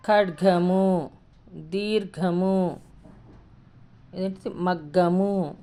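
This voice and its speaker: A woman teaching a lesson, reading words aloud slowly and stretching out each syllable as she explains. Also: medium pitch, darkish tone. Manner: slow, drawn-out syllable-by-syllable word reading.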